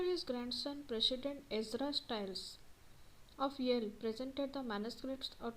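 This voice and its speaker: A woman's voice: a little high, a little mellow, a little hiss or hum, poor audio. Woman reading study notes aloud. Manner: reads text aloud, then repeats key points. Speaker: tutor.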